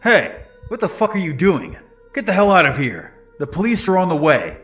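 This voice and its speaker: A man voicing an angry young man yelling at an intruder. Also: high-pitched, huge pitch swings, moderate pace, over music, pitched above the performer's own voice.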